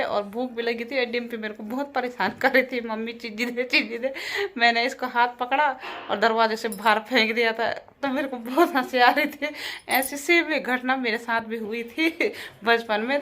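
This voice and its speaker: A woman's voice: mid-range voice, fairly bright tone, slight background noise. Chatty woman vlogger. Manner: chatty, laughs often while telling a story. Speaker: vlogger, mother. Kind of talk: casual vlog chat and childhood storytelling.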